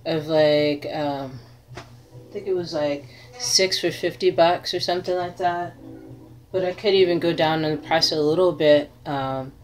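A woman in her thirties chatting casually to camera in an unhurried, rambling way, as an artist showing her handmade crafts. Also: deep voice. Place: small cluttered room indoors. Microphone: device mic at arm's length. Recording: noisy home webcam recording.

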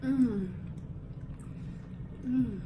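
Young woman, mouth full, chewing mid-sentence; higher voice, casual vlog chatter. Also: drawn-out words, highs cut off, background noise. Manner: chatty and animated, giggly. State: chewing while talking. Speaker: vlogger. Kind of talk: casual food-tasting vlog.

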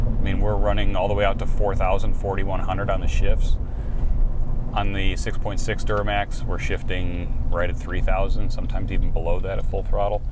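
A man in his thirties talks through engine readings from the driver's seat of a moving pickup, in a low, steady voice. He explains things plainly and sometimes restarts a phrase. The dashboard camera picks up heavy road and engine noise around him. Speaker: diesel tuning company head. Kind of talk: casual technical explanation. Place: inside a moving pickup truck. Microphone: camera mounted on the dashboard. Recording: loud road noise inside a truck.

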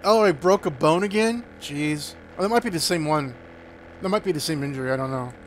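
A man chatting casually as he plays, excitable and quick to break into panicked yelps. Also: on the high side, a little hiss or hum. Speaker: gaming streamer. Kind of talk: casual gameplay commentary.

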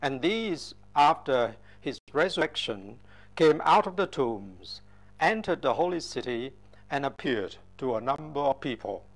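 Slow, solemn male Gospel reader. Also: medium pitch, very animated. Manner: slow, measured, solemn reading. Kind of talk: liturgical Gospel reading. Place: church.

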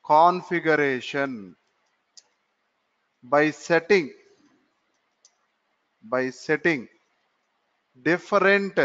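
A man teaching a computer class, speaking slowly, repeating phrases and asking himself questions before answering them, in a classroom. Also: fairly high pitch, a bit bright. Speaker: computer course instructor. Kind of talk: classroom lecture. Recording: dull lo-fi recording in a reverberant room.

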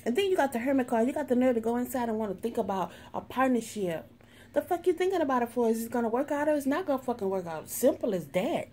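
A woman's voice: on the high side, animated, quick pace, warm tone. A woman doing a sassy, profane tarot reading in a brash, sarcastic way, swearing constantly. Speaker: tarot reader.

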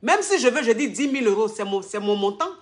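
A woman influencer speaks straight to her followers in a live video, her voice sitting a little high. She is indignant and emphatic, driving each point home by saying it again and again. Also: expressive, fast. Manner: emphatic, repeats phrases for stress. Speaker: social media influencer.

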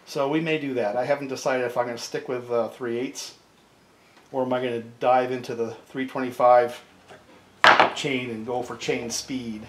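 The delivery is flat, medium-pitched and moderately paced as this middle-aged man casually explains chainsaw repair steps, frequently asking "right?" He hosts the video from his workbench, picked up by a camera mic on a tripod in an echoey, cluttered home workshop with background noise.

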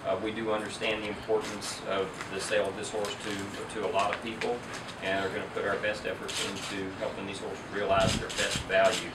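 A middle-aged man who owns an auction company makes a businesslike statement at an indoor press event, his lowish voice brisk as he explains things steadily. The mic catches him from a distance in a roomy space, with a loud air-conditioning hum.

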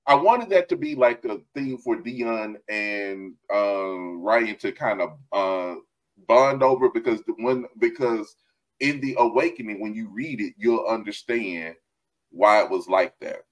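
This author and host, a middle-aged man, talks in a lowish voice at a measured pace on a casual home video call, gesturing animatedly and laughing frequently. The headset audio is low quality.

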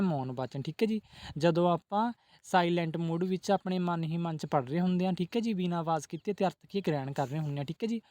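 High-voiced man teaching exam questions. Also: darkish tone, no room sound. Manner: repeats set phrases with polite ji, asks then answers. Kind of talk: exam-prep lesson.

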